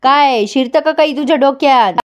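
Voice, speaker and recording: A woman's voice: high voice, fairly quick, close to an everyday voice. A woman voicing a scheming older mother-in-law who lectures and commands. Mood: bossy lecturing.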